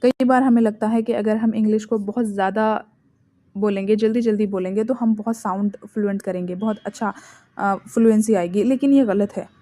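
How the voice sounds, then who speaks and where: A woman with an Indian accent teaching spoken English in Hindi, reading English example sentences slowly and deliberately. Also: mid-range voice, fairly even intonation, mellow.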